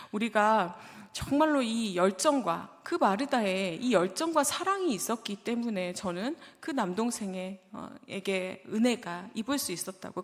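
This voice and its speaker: Brief: woman pastor from Jeolla, gentle storyteller, mid-pitched voice, long church reverb. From Jeolla, South Korea. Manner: gentle storytelling, asks the congregation questions. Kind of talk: sermon. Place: church sanctuary.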